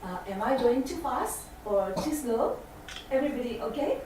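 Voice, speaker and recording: A Singaporean guest speaker whose first language is Chinese gives a talk in English, filling it with hesitant fillers. Her voice is fairly high and animated at a normal speed. The recording is noisy, picked up from far off in an echoey hall.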